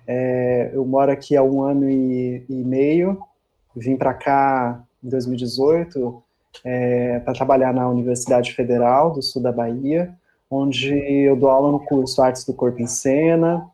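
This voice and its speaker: Mellow São woman, low-voiced, reflective. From São Paulo, Brazil. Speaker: guest, university performing arts teacher. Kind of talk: reflective interview talk.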